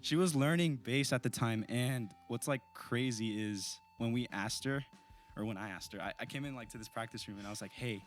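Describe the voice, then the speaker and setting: Over soft background music, the band's teenage singer and guitarist from East Bay, California, talks briskly in a mid-range voice. His interview chat is laid-back and wandering, packed with fillers.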